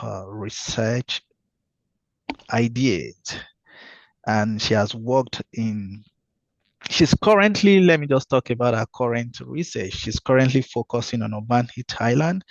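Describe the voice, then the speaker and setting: A man of middle pitch hosting an online webinar over a video call, often pausing on "uh" and restarting his sentences. The audio is dull and dry, with no room sound. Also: creaky, dry recording. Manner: hesitant, many fillers and restarts. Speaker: webinar host. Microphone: video call microphone.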